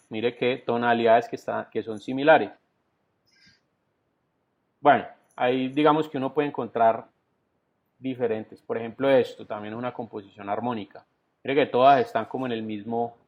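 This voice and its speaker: A man with a Colombian Spanish accent teaching a virtual class, explaining step by step and often checking in with the students. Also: mid-range voice. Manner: explanatory, frequent "entonces" and checks like "¿sí?". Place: home or office, video call. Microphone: computer mic on video call. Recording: dull lo-fi online class audio.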